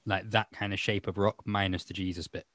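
A man's voice: deep voice, level tone, fairly quick, fairly bright tone, dry recording. A man hosting a podcast, talking in a rambling, self-mocking way with lots of fillers. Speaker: podcast host. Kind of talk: casual chat.

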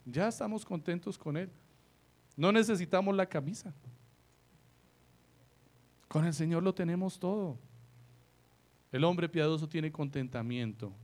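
A man preaching a sermon who asks his listeners rhetorical questions, slows down to repeat key lines for emphasis, and swings between soft remarks and loud, emphatic phrases. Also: on the high side.

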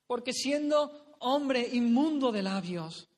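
A preacher voicing a wailing anguished prophet. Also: male voice, animated, full character voice. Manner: high, drawn-out wailing cries. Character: anguished male prophet crying out in dread. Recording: long hall reverb.

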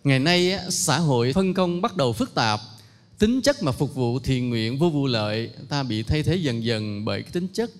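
A man speaks at a middle pitch, telling stories in an unhurried, gently reflective way. His voice rings with a long reverb, as if heard in a large hall. He speaks as though giving a moral talk. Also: animated, a little hiss or hum.

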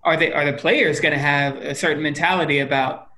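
A man's voice: fairly high pitch, fairly even intonation, brisk, sharp tone. A man co-hosting a casual sports podcast, musing aloud with hesitant, wondering questions and frequent fillers. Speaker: podcast co-host.

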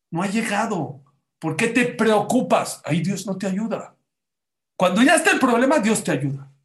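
Emphatic high-voiced rabbi preaching. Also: male voice. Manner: emphatic, preachy, addresses the audience directly with rhetorical questions; mixes in Hebrew religious terms. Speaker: rabbi teaching a Torah class. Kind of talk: Spanish-language Torah sermon. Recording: roomy echo.

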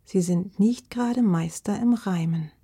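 A woman voicing a curious little husky-voiced fox. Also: medium pitch, measured pace, dark tone. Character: curious, clever little female blue fox.

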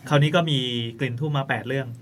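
A man's voice: medium pitch, fairly even intonation, a little hiss or hum. A man co-hosting a casual podcast, reading odd news stories aloud with playful, dramatic emphasis. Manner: quick, playful, reads headlines with exaggerated drama. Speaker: podcast co-host.

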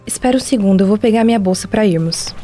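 A woman's voice: mid-range voice, quick pace, mellow, lightly acted. A Brazilian actress playing a tender, earnest mother and music teacher in a radio soap opera. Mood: warm.

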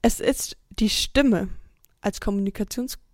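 A woman's voice: medium pitch, normal speed, a little mellow, no echo, studio quality. A young woman co-hosting a casual podcast, explaining a term with short answers and self-corrections. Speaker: podcast co-host. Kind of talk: casual chat.

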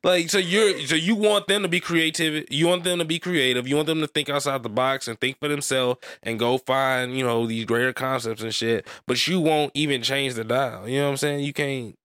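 A man co-hosting a casual podcast, talking in an animated, joking way and slipping into mocking impressions. His voice sits at an ordinary middle pitch. The recording is dry and close, with no room sound. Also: brisk, few pauses, dry recording. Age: adult with a young son. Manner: animated, mimics people he mocks, laughs often. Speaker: podcast co-host.

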